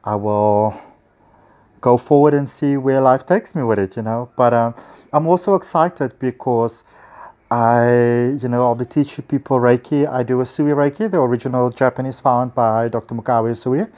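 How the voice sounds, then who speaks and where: This clip, filmed on a handheld phone, has a South African man who works as a spiritual healer and teacher gushing casually to his vlog viewers. He's enthusiastic and chatty, speaking at an ordinary pace in a mid-range, somewhat dark voice.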